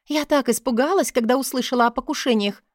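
A woman voicing a sweet, evasive young noblewoman in a fantasy audiobook, with a high, sugary, light delivery. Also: fast talker, dry recording, clean studio sound, close to an everyday voice.

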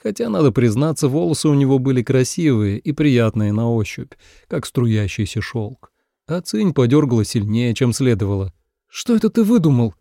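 A man narrating an audiobook in a wry, expressive storytelling manner. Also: medium pitch, moderate pace, creaky, no room sound, studio quality.

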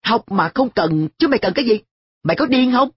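A reader voicing an earnest schoolboy who scolds his friend in sharp, exasperated questions, in a story reading. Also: mid-range voice, expressive, moderate pace, slightly rough, no room sound, dull audio, voice pushed up. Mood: incredulous. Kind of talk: audiobook dialogue.

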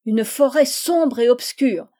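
Overeager boy pupil, a woman reader voices him, excited and blurting, storybook. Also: on the high side, moderate pace, natural voice. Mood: eager. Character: eager schoolboy bursting to answer.

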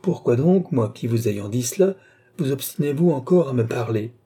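A man's voice: on the high side, moderate pace, dark tone, husky, voice pushed up. A man voicing a proud, scornful young noblewoman with haughty, cutting retorts.

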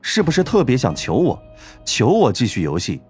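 A man voicing a calm, teasing young man who talks low and slow. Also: breathy edge, soft background music. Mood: taunting.

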